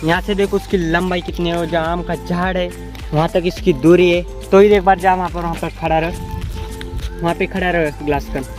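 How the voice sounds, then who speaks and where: A man's voice: sits high, fairly even intonation, moderate pace, over music. A man running a casual outdoor vlog, testing a homemade cup phone and calling out instructions to a helper far away. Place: outdoors in a rural open field. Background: faint background noise.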